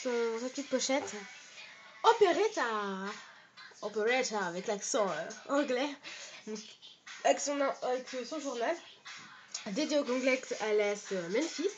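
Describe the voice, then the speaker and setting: A woman's voice: high-pitched, dull audio, slight background noise. A woman in her bedroom giving a casual show-and-tell of her toy collection, chatty and full of hesitations as she reels off prices.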